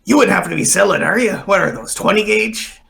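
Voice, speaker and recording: A man doing a gruff pirate buyer. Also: sits high, quick pace, fairly bright tone, voice pushed up, heavily acted. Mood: haggling. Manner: brusque haggling. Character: rough male pirate buyer, gruff and blunt.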